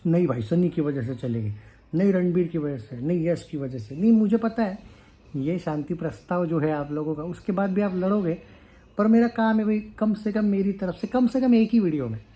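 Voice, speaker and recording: A man talks casually about an upcoming film, his voice mellow and a touch higher than most men's. He rambles in a relaxed chat, hesitates with fillers and drops English phrases into his talk. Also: normal speed. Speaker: film news YouTuber.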